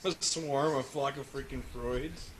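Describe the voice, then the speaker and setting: A man's voice: mid-range voice, steady tone, measured pace, crowd noise. A man co-hosting a casual podcast chat, wisecracking and reading out jokey questions. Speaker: podcast co-host.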